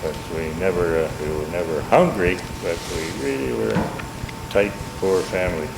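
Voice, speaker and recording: This low, creaky male voice has lively intonation and a moderate pace. He's a family elder in his seventies from Minneapolis with an Upper Midwestern accent, sharing informal oral history in a wry, folksy, self-deprecating style. The home tape is echoey and noisy, with a hum underneath.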